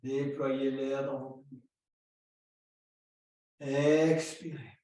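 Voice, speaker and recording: A man guides a yoga session with calm, unhurried instructions. His voice is mellow and sits a little high, with a flat, even delivery. It comes from a distance in a very echoey room. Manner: slow, calm step-by-step breathing cues. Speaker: yoga teacher.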